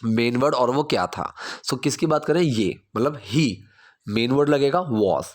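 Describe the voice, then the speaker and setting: A man teaching English grammar in Hindi, explaining step by step and saying the English example sentences slowly. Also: medium pitch, expressive. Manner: explains step by step, checks with "theek hai?".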